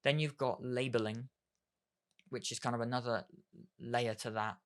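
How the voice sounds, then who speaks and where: A man's voice: medium pitch, fairly even intonation, normal speed, clean tone. Rambling man explaining communication tips. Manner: rambling, leans on "obviously" and "kind of"; acts out sample dialogue in a brighter voice. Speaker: communication skills presenter. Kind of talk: casual explainer talk.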